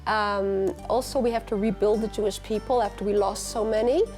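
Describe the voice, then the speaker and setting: An older woman talking about her life in an interview, reflective and unhurried. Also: medium pitch, steady tone, darkish tone, soft background music. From United States. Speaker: teacher and community leader.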